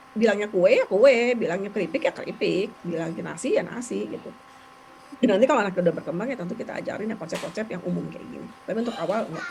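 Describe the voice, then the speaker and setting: A woman talking casually and explaining therapy ideas as a parent, chatty and animated, with quick laughs. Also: medium pitch, a little hiss or hum, rough recording.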